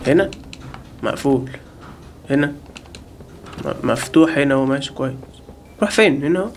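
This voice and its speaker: شاب مصري بصوت عالي يعلق على لعبة رعب. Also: male voice, on the high side, a little hiss or hum. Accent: Egyptian Arabic. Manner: panicky, yelling in bursts while being chased; jokey, talks to viewers and the game. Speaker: gaming channel host. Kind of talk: live horror game commentary.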